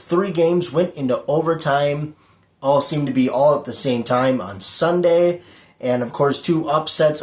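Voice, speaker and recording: A man's voice: mid-range voice, reverberant. A man hosting his own football prediction show, talking casually with lots of fillers and a dry sarcastic streak. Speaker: sports prediction show host. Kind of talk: casual solo sports talk.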